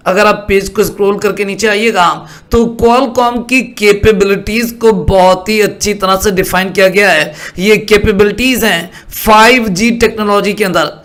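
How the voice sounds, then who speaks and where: A man's voice: sits high, fairly even intonation, moderate pace, few pauses, fairly bright tone. A man giving stock market commentary over a screen share, explaining patiently and often checking that the listener is following. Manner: explanatory, asks "are you following me" often.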